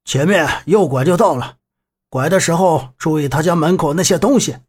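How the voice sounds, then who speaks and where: Husky old uncle, blunt and scolding, a man doing the voice, audiobook character, slightly high. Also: moderate pace, darkish tone. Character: gruff elderly village uncle, bossy.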